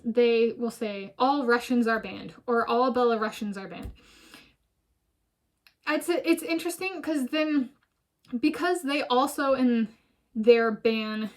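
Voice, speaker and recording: A woman vlogger thinking aloud in a meandering personal monologue, filming herself. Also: fairly high pitch. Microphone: self-filmed camera.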